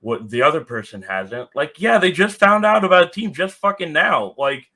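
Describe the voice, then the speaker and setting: On a podcast, a guest who organizes a soccer supporters group chats with blunt candor, sprinkling in swear words and plenty of "like." His voice is on the high side, bright and forceful, with big pitch swings and a moderate pace.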